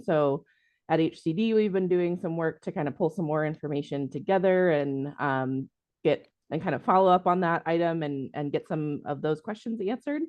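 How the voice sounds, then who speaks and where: A woman on the city housing staff gives a presentation during an online meeting in a low, somewhat mellow voice with no echo. She speaks informally and hedges, filling her sentences with frequent ums.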